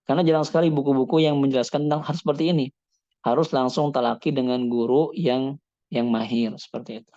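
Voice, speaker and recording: A man teaching Quran recitation errors. He chants slow, drawn-out Arabic examples between quick casual explanations and lets his points trail off quietly. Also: medium pitch, steady tone, no room sound. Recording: dull, dry lo-fi sound.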